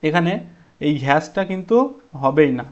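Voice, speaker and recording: A man's voice: fairly high pitch, moderate pace, highs cut off. A man teaching an exam-prep English grammar lesson, explaining step by step and asking his students questions.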